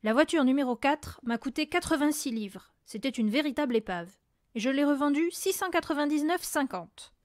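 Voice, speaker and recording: Brief: woman doing a bragging, hot-tempered father, loud and raised in pitch, dry close sound. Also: lively intonation, normal speed, dry recording. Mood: boastful. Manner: bragging, then barking and shouting. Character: boastful blustering middle-aged father, quick-tempered.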